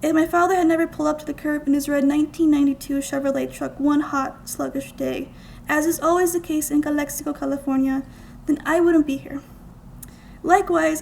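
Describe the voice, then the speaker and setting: A young adult student writer from small-town Minnesota reads her own creative work aloud from a script, phrasing lines deliberately and expressively. Her voice is high, a little mellow, with noticeable creak. It was recorded live indoors at a college art gallery, with faint background noise.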